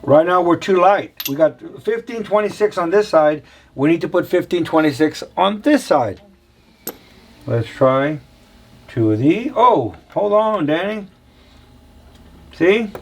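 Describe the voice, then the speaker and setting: A man's voice: sits high, expressive, measured pace, pauses often, breathy edge. A man, casually demonstrating engine balancing in a workshop in a playful, chatty way. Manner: chatty, playful, talks to viewers as y'all. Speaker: machinist teaching engine balancing. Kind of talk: casual hands-on shop demonstration.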